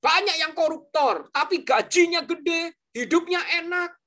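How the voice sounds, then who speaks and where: Indignant young man, complaining, raised voice, high strained pitch, as a preacher puts him on. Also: animated, measured pace, pushed and bright, heavily acted. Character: angry young man complaining about low pay.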